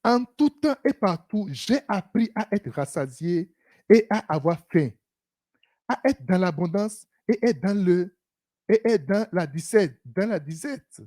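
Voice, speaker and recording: A preacher giving an animated sermon, breaking it up with frequent hallelujahs and acted-out exchanges. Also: medium pitch, unhurried. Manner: animated, repeats "Alléluia", acts out dialogues.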